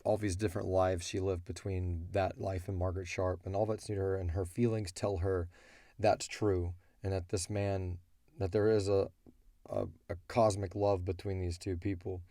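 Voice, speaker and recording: In studio-quality audio with no room sound, a man with a deep, warm voice speaks at a moderate pace with a level tone. He creates audio drama and is answering listener questions, rambling casually through his story and often giving voice to what his characters are thinking.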